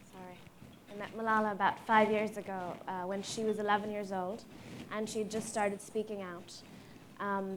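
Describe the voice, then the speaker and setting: A woman's voice: medium pitch, a little hiss or hum. Earnest young woman from Pakistan. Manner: earnest, measured, many um fillers. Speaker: panel guest. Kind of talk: panel discussion on stage.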